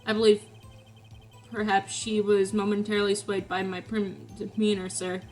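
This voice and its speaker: A woman's voice: mid-range voice, flat delivery, normal speed, darkish tone, faint music behind, close to an everyday voice. A woman voicing a prim, fussy male hotel bellboy on the witness stand, formal and adding "sir" to his lines.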